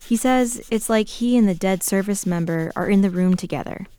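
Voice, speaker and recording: A woman hosting a podcast, reading scripted narration in a measured, gentle storytelling voice. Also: medium pitch, a little hiss or hum. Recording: narration over clear music.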